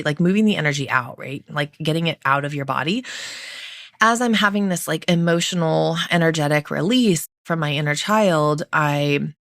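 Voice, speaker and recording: Woman podcast host, young adult, low-pitched, heartfelt and earnest, dry studio sound. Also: a bit bright, no room sound. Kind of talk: personal podcast monologue.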